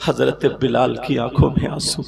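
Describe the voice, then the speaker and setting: A man preaching an emotional sermon, telling a story tearfully with sudden shouted bursts. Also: medium pitch, fairly even intonation, moderate pace, gravelly, big-room sound. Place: religious gathering. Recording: live crowd audible behind.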